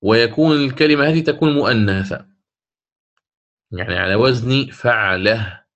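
A man with a North African Arabic accent teaching a lesson on Quran recitation rules. He explains, then slows down to recite the example words. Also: medium pitch, fairly bright tone.

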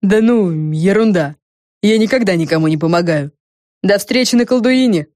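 A woman's voice: on the low side, flat delivery, a little fast, darkish tone, dry recording, clean studio sound, natural voice. A woman voicing a brash, careless young witch girl in a storybook reading, speaking dismissively.

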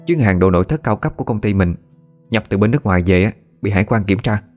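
A man putting on a hurried anxious secretary. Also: on the low side, lively intonation, a little mellow, faint music behind, natural voice. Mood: worried. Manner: hurried, worried. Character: anxious young female secretary.

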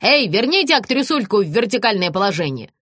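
A woman's voice: medium pitch, big pitch swings, a little fast, fairly bright tone, breathy edge, dry recording, clean studio sound. A woman voicing an impatient man directing a shoot, barking orders in an audiobook reading. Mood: bossy. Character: bossy shouting male film director.

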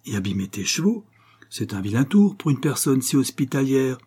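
A man voicing a calm skeptical father. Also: mid-range voice, moderate pace, breathy edge. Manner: calm, gently ironic. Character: educated, skeptical, kindly father.

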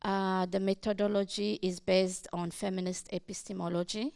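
Gravelly-voiced woman giving an academic talk. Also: mid-range voice, little pitch movement, normal speed, darkish tone, dry recording. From Ethiopia. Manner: hesitant, many fillers and restarts. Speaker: conference speaker, independent researcher. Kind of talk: academic conference presentation.

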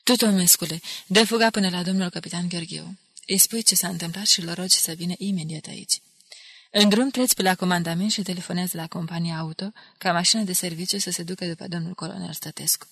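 A woman's voice: on the low side, steady tone, gravelly, a bit bright, husky, heavily acted. A woman voicing a resolute young male soldier who takes command and gives firm orders.

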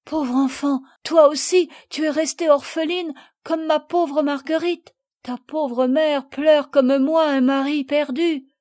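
Kind, impassioned noble lady in a storybook, read by a woman; pitched up, warm-toned. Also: expressive, moderate pace, no room sound, studio quality. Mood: overwhelmed. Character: kind, emotional noblewoman, mother. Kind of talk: audiobook character reading.

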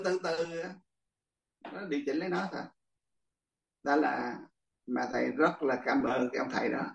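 This older monk has a fairly high-pitched voice with vocal fry. He teaches his class in a relaxed, conversational manner, laughing a lot and speaking directly to the students, recorded far from the mic in an echoey room.

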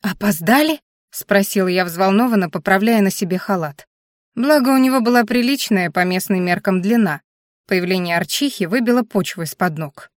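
A woman narrating an audiobook in the first person with a lively, expressive reading. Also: mid-range voice, moderate pace, dry recording, clean studio sound.

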